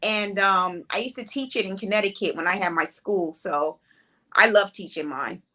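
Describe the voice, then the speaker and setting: In a medium-pitched voice at a moderate pace, a woman in her forties who writes and directs plays responds to an interviewer. She comes across as relaxed and thoughtful, talking conversationally.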